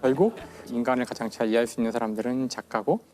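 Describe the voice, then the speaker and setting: A man in his fifties, a physics professor on a TV talk show, telling a story in a lecture style and slowing down for dramatic emphasis. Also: medium pitch, darkish tone, faint music behind. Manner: enthusiastic, slows down for dramatic emphasis. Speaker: physics professor guest speaker.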